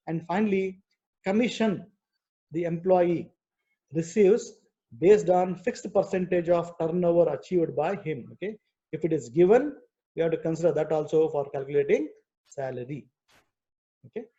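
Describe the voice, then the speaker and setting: A man's voice: high-pitched, warm tone. A man with an Indian accent teaching an online class, explaining worked problems step by step in a didactic, repetitive way. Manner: didactic, repetitive, frequently checking with "okay". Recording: dull, muffled video-call audio.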